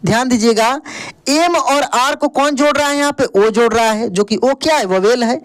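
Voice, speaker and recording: A man teaches an online English spelling lesson in a high voice. He spells each word out letter by letter, keeps telling the viewer to pay attention, and calls them friend. He often asks a question and answers it himself. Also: normal speed. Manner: repeats "ध्यान दीजिएगा" and calls viewers friend.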